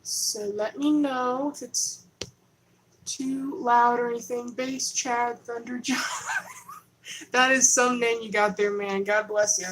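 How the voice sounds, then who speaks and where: A woman's voice: fairly high pitch, fairly even intonation, unhurried, fairly bright tone, slight background noise, poor audio. A woman hosting a rambling, conspiratorial livestream from her home, talking casually into a camera on a holder. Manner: chatty, conspiratorial, self-interrupting. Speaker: livestream host. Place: home in Texas.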